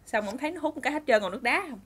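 A woman's voice: high voice, animated, very fast, a bit bright, breathy edge. A woman with a Southern Vietnamese accent telling a story in a chatty way, addressing her listeners directly.

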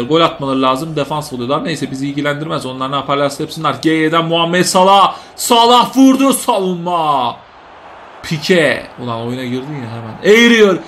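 A young man commentating his own football video game, shouting the play-by-play and grumbling in between. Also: a little high, slight background noise. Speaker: gaming commentator.

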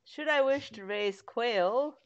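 A woman's voice: fairly high pitch, takes it slowly, lo-fi sound. A woman co-hosting a casual vlog, rambling through a show-and-tell with lots of fillers. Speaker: vlog co-host. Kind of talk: casual chat.

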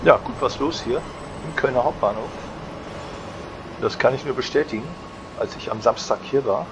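A man's voice: mid-range voice, moderate pace. A man hosting casual, unscripted game commentary in a hesitant way. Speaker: host. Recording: clear background train simulator noise. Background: train simulator ambience.

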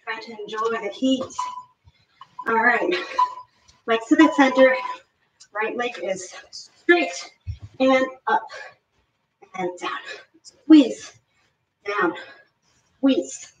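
A woman fitness instructor leading a live workout, giving energetic, encouraging cues and counting reps, a little out of breath. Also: on the high side. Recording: roomy, distant, dull lo-fi sound.

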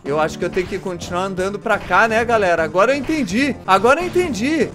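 A man doing let's play commentary, excitable, yelping and shrieking in panic as he plays. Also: high-pitched, fast talker, over music. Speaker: gamer.

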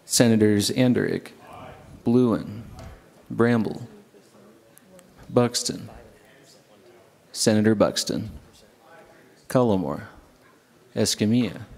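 A man's voice: fairly low pitch, takes it slowly, gravelly, long pauses, a little mellow. A man acting as clerk, formally calling a roll one item at a time. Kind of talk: formal roll call of surnames. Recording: reverberant large chamber.

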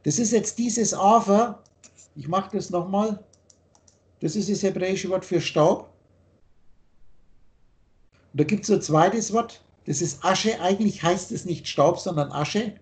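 A man's voice: sits high, a little slow, long pauses. A man teaching on a video call, lecturing insistently and spelling out letters as he explains. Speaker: spiritual teacher.

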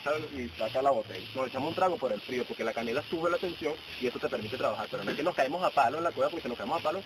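A young Venezuelan man working as a cave guide talks fast and expressively, giving an informal safety briefing peppered with anecdotes. He stands by a signboard in a forest, recorded outdoors by a camera a few steps away, and the audio is noisy and low in quality.

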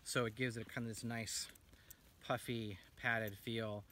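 With a mid-range, steady voice that's pushed and bright, an American man in his thirties unhurriedly reviews the pack he made, rambling enthusiastically and saying um often. He's sitting in a forest, filmed by a camera a few feet from him, with slight background noise.

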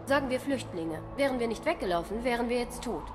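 A woman's voice: on the high side, lively intonation, a little fast, over music, lightly acted. A woman playing an anxious yet composed scientist who leads refugees in a video game. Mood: guarded, composed.

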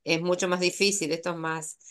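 A woman, a student, talks through her thoughts over a video call. Her voice sits fairly low and runs on at length. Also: fairly even intonation, fairly quick, a bit bright. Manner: talkative, explaining her view.

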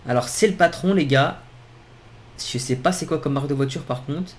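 A young man giving casual gameplay commentary, talking straight to his viewers and getting excited. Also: a little high, moderate pace. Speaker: gaming YouTuber.

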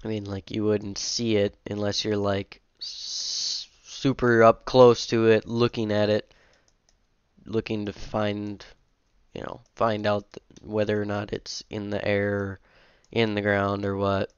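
A modding streamer with a cold speaks at a slow pace in a monotone while editing a game map, rambling casually with frequent fillers and self-corrections. His sniffly voice is fairly low, clear and resonant. Recorded through a headset in his home room, it sounds muffled with no echo.

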